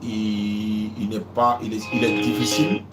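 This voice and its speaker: A man's voice: fairly low pitch, flat delivery, a little slow, roomy sound, loud music behind the voice. A man hosting a live religious call-in, talking casually, repeating himself and often calling out to silent callers. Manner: repeats phrases, keeps saying "Inch'Allah" and "Allô?".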